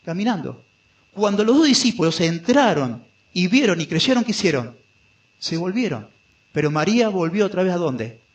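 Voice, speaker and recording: Argentine pastor with a question-and-answer delivery. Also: male voice, sits high, very animated. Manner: asks the congregation questions and answers them himself; drops to a soft, slow voice when quoting scripture. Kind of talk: expository sermon.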